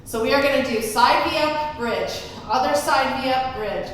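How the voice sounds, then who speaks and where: A woman's voice: high-pitched, normal speed. A woman fitness instructor coaching a workout live, calling out short encouraging cues and demonstrations, somewhat out of breath. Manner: encouraging, calling out brief commands and countdowns. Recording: echoey room, distant mic, noisy.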